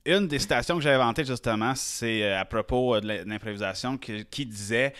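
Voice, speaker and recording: A man's voice: medium pitch, brisk, a bit bright, clean tone, dry recording. A man from Ontario with a Franco-Ontarian French accent, telling casual, humorous anecdotes as a podcast guest and strongly rolling his R's on the tip of his tongue. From Rockland, Ontario, Canada.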